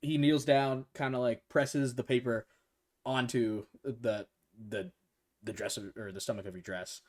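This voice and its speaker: A man's voice: medium pitch, steady tone, a little slow. A young man running a tabletop game as game master, narrating loosely with fillers and chuckles.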